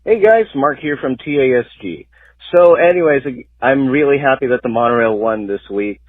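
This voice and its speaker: A man's voice: medium pitch, normal speed, no room sound. A man calling in with a casual voicemail message that is played on the show, chatty as he asks the hosts a question. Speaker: caller. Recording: tinny phone-line voicemail.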